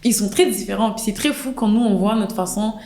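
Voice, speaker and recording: A woman's voice: medium pitch, echoey room. A woman in her twenties with a Quebec French accent, chatting casually as a podcast guest and switching between accents as she talks. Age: 20s. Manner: quick, animated, slips into other accents. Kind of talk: casual chat.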